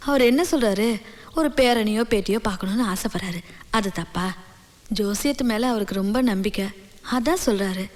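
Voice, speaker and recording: An actress playing a middle-aged mother who calmly tries to make peace in the family. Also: medium pitch, brisk, long reverb tail, lightly acted. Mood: soothing.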